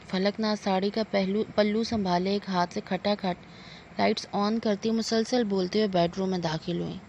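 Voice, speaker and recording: A woman reading a novel aloud in a measured storytelling manner. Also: mid-range voice, steady tone, gravelly, darkish tone. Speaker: narrator. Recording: dull lo-fi with faint noise.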